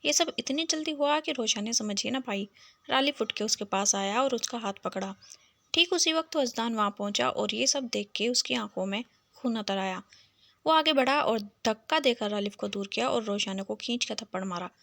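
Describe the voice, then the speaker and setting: A woman's voice: on the high side, lively intonation, normal speed, vocal fry, a bit bright, no echo, clean studio sound. A woman with a Pakistani Urdu accent reading a romance novel aloud with emotion, giving each character her own tone. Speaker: audiobook narrator.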